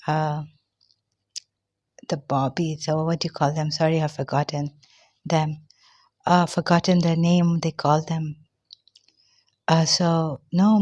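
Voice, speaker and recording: An older woman from Pakistan talks slowly and haltingly, with many fillers and pauses along the way. Her voice sits low, and she sounds a little out of breath. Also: darkish tone, lo-fi sound. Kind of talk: personal testimony monologue.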